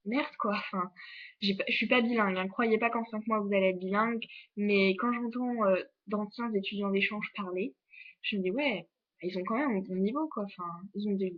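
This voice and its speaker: Chatty teenage girl, lo-fi vlog. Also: mid-range voice. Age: teens. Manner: chatty, many fillers and restarts. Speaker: exchange student vlogger. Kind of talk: casual vlog monologue.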